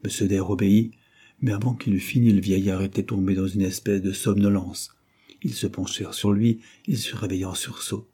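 A man narrating a novel in a steady, measured audiobook reading. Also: lowish voice, husky. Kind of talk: scripted narration.

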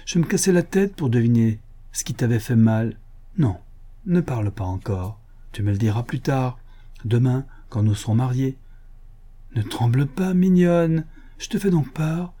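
A man reading aloud voices a gentle young fiancé who coaxes and reassures his bride. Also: medium pitch, measured pace, close to an everyday voice. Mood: tender.

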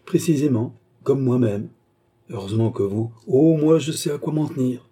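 A man's voice: medium pitch, moderate pace, dark tone, husky, voice pushed up, lightly acted. A man voicing a cool, scheming young baronet who stays unruffled and feigns surprise. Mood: cool, mocking.

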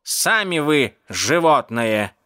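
Male reader voicing a surly storybook cat, raised pitch, testy grumbling. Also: expressive, moderate pace, fairly bright tone, no echo, studio quality, natural voice. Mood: irritable. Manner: grumbling, snappish. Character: grumpy rude male alley cat stuck in a sewer.

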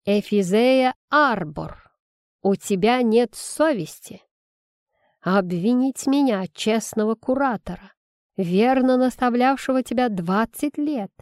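A woman's voice: fairly high pitch, lively intonation, slow pace, a little mellow, no room sound, studio quality. Woman putting on a squealing huffy chipmunk. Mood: offended. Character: plump grumpy male magic chipmunk curator, melodramatic.

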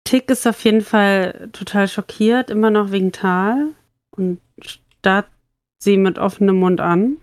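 A woman's voice: medium pitch, a little slow, no echo. A woman at a tabletop game narrates what her character does, in a mid-range voice. The recording is dry and close, with no room sound. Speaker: player.

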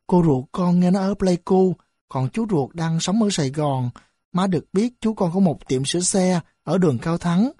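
A woman's voice: on the low side, warm tone, breathy edge, no echo, studio quality. A woman as a grieving, trembling mother. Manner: tearful, trembling.

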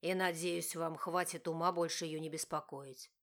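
A woman voicing a curt, commanding young husband in an audiobook, with a gruff, clipped delivery. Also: low voice, little pitch movement, moderate pace, natural voice. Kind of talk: audiobook narration.

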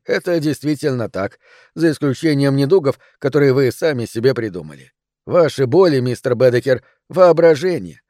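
A calm, patient doctor, as a male narrator voices him, explaining things in a measured and reassuring way. His middle-pitched voice is recorded close and dry, as in an audiobook. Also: dry recording, natural voice.

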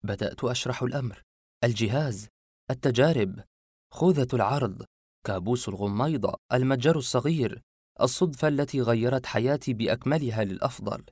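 A man's voice: medium pitch, a little fast, breathy edge, dry recording. Man narrating a suspense story, dry close sound. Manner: steady, suspenseful first-person storytelling. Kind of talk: audiobook narration.

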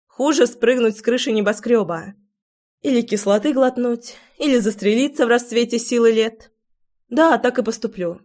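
A woman's voice: on the high side, normal speed, darkish tone. Woman narrating a first-person story. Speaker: audiobook narrator.

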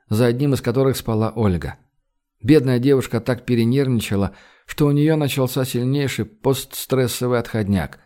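A man reading a novel aloud as narrator, in a steady, measured manner. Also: mid-range voice. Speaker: audiobook narrator. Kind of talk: scripted narration.

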